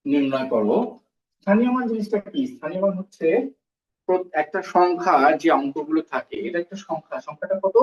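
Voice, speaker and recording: A man teaching a recorded primary school math lesson in a classroom, with a fairly high voice. He works through each step slowly, repeats the terms and keeps putting questions to the pupils. He sounds distant from the mic, in an echoey room, with a dull, muffled tone.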